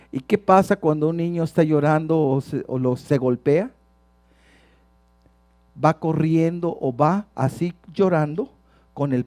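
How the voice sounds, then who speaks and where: A man preaching a sermon, reading psalms with swings from hushed to shouted. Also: fairly high pitch, dry recording. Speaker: pastor.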